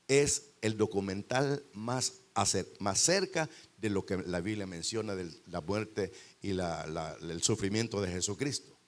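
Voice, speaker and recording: A male pastor preaching a sermon into a handheld microphone in a church, rising to loud bursts and dropping into quiet pauses. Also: fairly low pitch. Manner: preaching with sudden loud swells and dramatic pauses.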